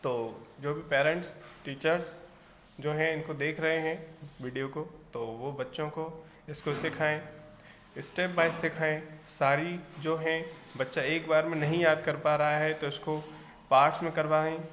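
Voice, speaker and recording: A man teaching a phonics lesson at a very slow, careful pace, with a voice that sits a little high. He says each letter sound again and again and keeps asking "okay". The recording carries a long, echoing reverb. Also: steady tone, fairly bright tone, slight background noise.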